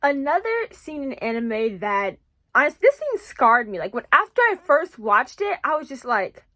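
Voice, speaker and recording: A high, bright young woman vlogging in casual chat. She rambles with excitement, restarting sentences and repeating herself for emphasis. Her voice sits close and dry on the mic. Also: moderate pace, dry recording.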